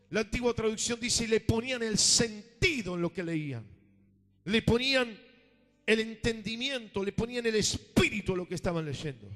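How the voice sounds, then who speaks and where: A high-voiced man preaches a fervent sermon from the pulpit. He pushes lines out loudly, then drops to a near hush, and keeps calling the room for an amen. His voice carries with a long church-hall reverb. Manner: emphatic preaching, calls for amen, swings between loud and hushed. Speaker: pastor. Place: church sanctuary.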